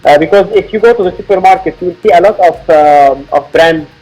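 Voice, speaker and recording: Male founder from Lebanon, somewhat high voice, measured podcast explainer, soft music bed. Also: low-quality recording. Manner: explanatory, measured, frequent fillers. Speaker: founder and CEO guest. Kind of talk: podcast interview.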